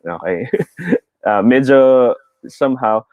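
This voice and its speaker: A man's voice: mid-range voice, sing-song, slow, phone-quality sound, a little hiss or hum. A young Filipino man teaching a live online speech lesson, explaining in mixed English and Filipino and chuckling often.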